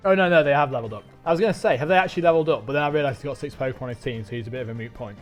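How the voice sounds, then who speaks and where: A man's voice: medium pitch, very fast, soft background music. An English man live-streaming a video game, chatting casually and rambling while he snacks. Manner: rambling, chatty, talks with mouth full.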